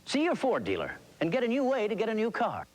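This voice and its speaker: A man's voice: high voice, wildly swooping pitch, quick pace. A man reading a car commercial, listing features with upbeat emphasis, heard from a worn tape copy. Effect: worn VHS tape copy. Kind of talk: scripted ad voice-over. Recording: noisy worn VHS tape.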